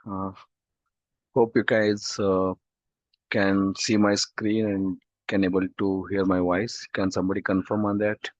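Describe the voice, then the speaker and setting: An Indian English-accented database course instructor gives an online demo class lecture over a video call from his computer mic. A throat infection leaves his voice unclear, so he talks slowly and haltingly with many "uh" fillers. His voice is low and flat, and the audio is dull and dry.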